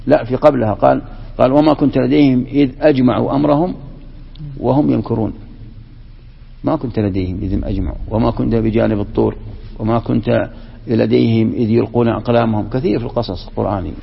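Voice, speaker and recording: A man's voice: mid-range voice, creaky, breathy edge. A man teaching a classroom lesson on scripture and grammar as a sheikh, explaining step by step and putting questions to his students. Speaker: sheikh teaching Quran commentary. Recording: dull lo-fi recording with long hall reverb.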